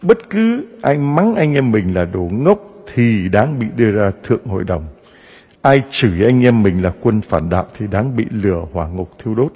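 Husky-voiced priest preaching in a reverberant church. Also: male voice, fairly low pitch, normal speed, lo-fi sound. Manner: animated preaching with rhetorical questions to the congregation. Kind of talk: sermon.

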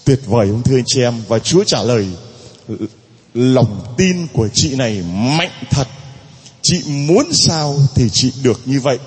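Emphatic, husky-voiced male priest. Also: mid-range voice, animated, a little slow, darkish tone, in a large hall. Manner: dramatic, emphatic, rhetorical questions. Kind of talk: sermon. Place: church.

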